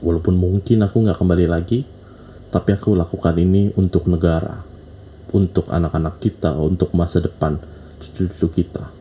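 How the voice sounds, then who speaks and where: A man's voice: deep voice, steady tone, fairly quick, mellow, a little hiss or hum, close to an everyday voice. A man voicing an earnest young soldier. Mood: solemn. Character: earnest young male soldier parting from wife.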